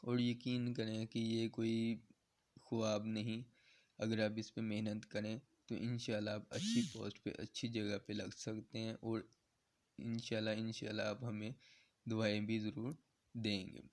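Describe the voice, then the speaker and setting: A man from Pakistan gives a tutorial lesson at an unhurried pace. His voice sits fairly low and stays level, with little rise and fall. He explains patiently, checking in with "okay" often, and turns earnest when he encourages students. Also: level tone, a little mellow. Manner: patient, repeats "theek hai" to check understanding; encouraging, earnest in closing advice. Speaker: shorthand teacher.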